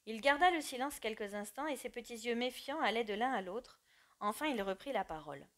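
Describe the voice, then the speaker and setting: A woman narrating an audiobook. She reads at a measured pace and brings out the drama of the story. Her voice sits slightly high. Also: expressive, a bit bright.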